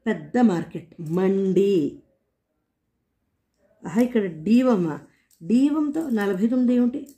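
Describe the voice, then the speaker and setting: A woman solving a crossword aloud, slowly musing as she reads out clues and tries answers. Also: a little high, expressive, warm tone. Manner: thinking aloud, slow and musing. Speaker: puzzle solver.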